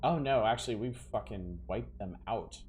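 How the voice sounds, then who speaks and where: A man's voice: fairly low pitch, normal speed, darkish tone, a little hiss or hum. A man streaming a video game, thinking aloud in a casual, wry way. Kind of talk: casual gameplay commentary. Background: faint game music.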